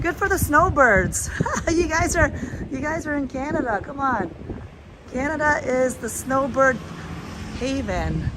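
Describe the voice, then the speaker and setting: Her voice is high-pitched yet raspy and hoarse, strained by a sore throat. Holding her phone, this travel vlogger live-streams herself walking outdoors on a town street at night, chatty and rambling, greeting viewers amid traffic and street sounds.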